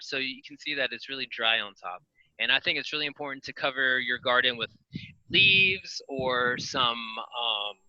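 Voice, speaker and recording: A man talks his way through outdoor garden plots on a phone video call, chatty and halting with lots of ums. His audio keeps cutting out, so the volume rises and falls unevenly. His voice is very bright and forward, with a dry, dull, lo-fi call sound. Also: medium pitch, no echo. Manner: loose and chatty, many ums and restarts. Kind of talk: casual walkthrough explanation.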